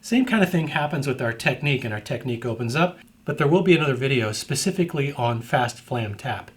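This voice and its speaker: A middle-aged man teaches drum rudiments in a calm instructional tone. His voice sits in a middle pitch, neither high nor low. He breaks things down step by step and often checks that the listener is following. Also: fast. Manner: explanatory, repeatedly checks in with "right?".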